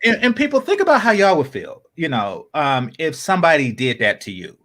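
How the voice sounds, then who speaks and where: This man chats loosely on a podcast, restarting often and padding with fillers, sometimes dropping to hushed asides. His pitch swoops wildly, and he talks a little fast.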